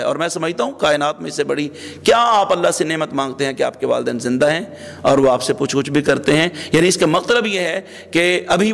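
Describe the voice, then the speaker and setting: In a fairly high, creaky voice, a male Islamic scholar preaches an Urdu sermon, pleading emotionally through repeated phrases. The recording carries a long hall reverb.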